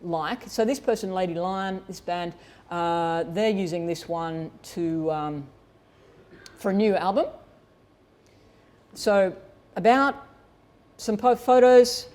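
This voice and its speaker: Speaking informally to workshop attendees, a woman demonstrates as she goes, explaining things and thinking aloud in a conversational manner. Her voice is warm and medium in pitch.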